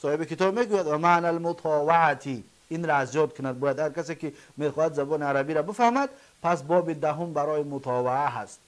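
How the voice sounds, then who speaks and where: A man with a Tajik accent teaching an Arabic grammar lesson, asking and answering his own questions and repeating word forms slowly. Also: on the high side. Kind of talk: classroom lesson.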